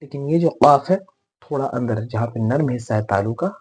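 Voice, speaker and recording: Male teacher, husky voice, patient step-by-step pronunciation lesson with slow repeated drills. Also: mid-range voice. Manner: patient, repeats letter sounds slowly for students to copy. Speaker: Tajweed teacher.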